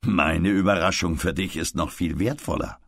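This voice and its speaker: A man's voice: low-pitched, normal speed, vocal fry, no room sound. A man voicing a strict but caring older uncle in a read-aloud story, speaking earnestly and with caution.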